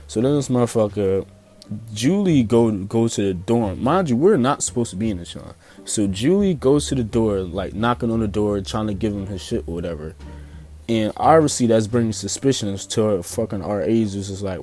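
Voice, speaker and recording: A man's voice: fairly low pitch, mellow. Laid-back young Philly man telling stories. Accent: Philadelphia. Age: young adult. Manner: loose, profane, slangy storytelling with many fillers. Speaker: storyteller vlogger. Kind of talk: casual storytime.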